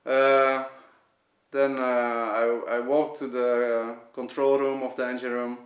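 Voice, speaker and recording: This earnest, unscripted testimony comes from a native Dutch speaker with an audible Dutch accent who halts often while searching for words. His pitch is medium and his delivery flat, and the room gives the audio an echoey quality.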